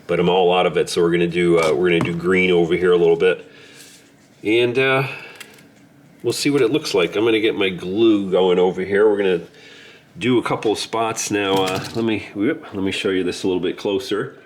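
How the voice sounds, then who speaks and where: Hosting a laid-back model railroad vlog from home, this Southern Californian man sounds stuffed up with flu. His low voice moves briskly with fairly even intonation, full of fillers as he rambles over slight background noise.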